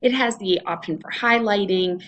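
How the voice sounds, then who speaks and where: A college instructor with an Ohio Valley American accent walks students through her online course in an informal screencast, her tone conversational and explanatory. Her voice sits at medium pitch and moves at a moderate pace. The audio is dull, with a little hiss or hum.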